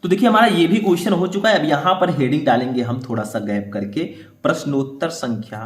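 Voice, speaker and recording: A man teaching how to write board exam answers. He explains step by step, checks in often with short confirmations, and reads passages aloud slowly. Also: on the high side, roomy sound. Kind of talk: board exam writing lesson.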